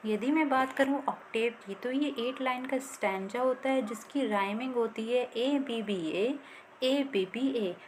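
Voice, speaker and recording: A woman's voice: on the high side, slight background noise, rough recording. A woman teaching an exam-prep lesson. She reads short English definitions, then asks herself questions and answers them, repeating the key points. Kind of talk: explaining a lesson, mixing in read-out English definitions.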